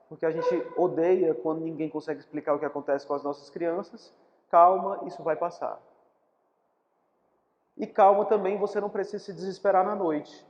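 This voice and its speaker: A man's voice: high voice, a little mellow. A Brazilian man giving a live public talk as a spiritist lecturer, explaining patiently and repeating key words for emphasis. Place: lecture hall. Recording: dull recording in a reverberant hall.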